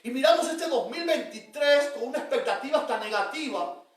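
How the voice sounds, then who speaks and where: Male evangelist, emphatic sermon delivery, high pitch, heavy room echo from a distance. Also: expressive. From Cuba. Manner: emphatic preaching that slows down for key words and drops soft. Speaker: evangelist preacher. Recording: very echoey, from far off the mic.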